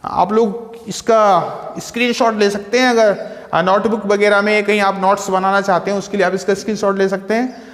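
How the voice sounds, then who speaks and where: A man with a high voice teaches grammar, asking his own questions and answering them. He repeats each key term with simpler words and slows down to read out example sentences. The room is echoey and the reverb hangs long. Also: flat delivery, fairly bright tone. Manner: asks rhetorical questions and answers them himself; reads example sentences slowly. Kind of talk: explaining grammar to students.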